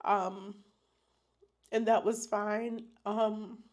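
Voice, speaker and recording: Young woman, emotional personal vlog, halting speech, full of fillers, mid-pitched voice. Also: flat delivery, darkish tone. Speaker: vlogger. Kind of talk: personal storytelling to camera.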